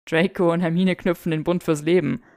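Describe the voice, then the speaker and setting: A woman's voice: on the low side, fairly even intonation, fairly quick, darkish tone, dry recording, clean studio sound, close to an everyday voice. A woman voicing a mischievous young wizard who talks in a teasing, showy, mock-indignant way.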